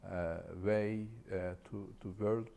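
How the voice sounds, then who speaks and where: A man gives interview answers in a low, mellow voice with a gravelly creak. He speaks haltingly, pausing often as he searches for the next phrase. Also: fairly even intonation, slight background noise. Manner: halting, hesitant delivery with long pauses. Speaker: interview guest.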